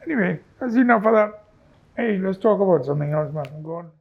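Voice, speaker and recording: Gravelly, husky man in an interview. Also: high-pitched, expressive, a little fast, phone-quality sound. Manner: musing, with frequent tag questions. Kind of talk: reflective personal interview.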